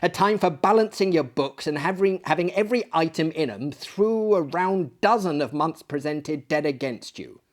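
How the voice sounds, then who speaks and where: A man's voice: a little high, lively intonation, normal speed, hardly any pauses, pitched above the performer's own voice, natural voice. A man reading a classic ghost story aloud, voicing a bitter, miserly old man who snaps out indignant retorts. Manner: snapping, indignant outbursts.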